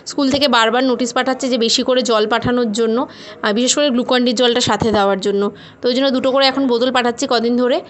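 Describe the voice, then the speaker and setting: A woman with a slightly high voice talks at a quick pace in a steady tone. She's a mother and home vlogger, rambling chattily in a casual voice-over as she walks viewers through her busy daily routine.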